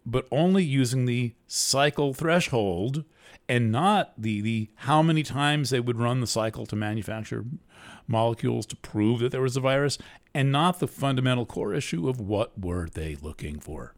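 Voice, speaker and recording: A man hosting a show, talking through a monologue in a deliberately soft, earnest way. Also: mid-range voice, animated. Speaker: host. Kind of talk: monologue commentary.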